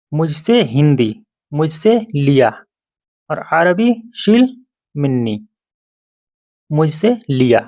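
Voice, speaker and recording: Slow-talking man teaching word by word. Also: fairly high pitch, darkish tone, dry recording. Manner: repeats each word slowly, Hindi then Arabic. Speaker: Arabic teacher. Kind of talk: vocabulary lesson.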